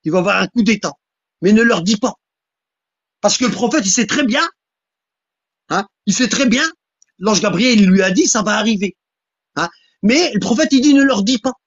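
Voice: mid-range voice, expressive, normal speed, pauses often, no room sound, dull audio. A speaker giving a heated religious polemic talk, who keeps stressing points with repeated questions and repeated lines. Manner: insistent, repeats "hein?" and "tu vois?".

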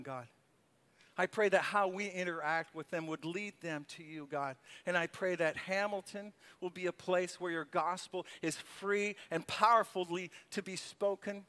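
A middle-aged pastor with a high, fairly bright voice prays and preaches from a church stage, then shifts into onstage conversation. Earnest, he repeats words to press his points and builds to fervent emphasis, speaking into a handheld mic in a large room.

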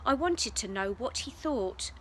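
A woman reading a children's story aloud in a gentle, expressive way. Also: fairly high pitch, measured pace, slight background noise, rough recording.

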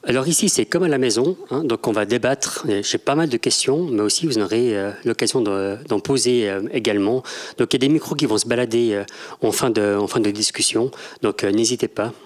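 A man's voice: mid-range voice, brisk. Guy hosting a stage discussion, mid-range voice, informal, bit hesitant, lots of tag questions, hand mic. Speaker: panel moderator. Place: large theatre stage. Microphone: handheld microphone.

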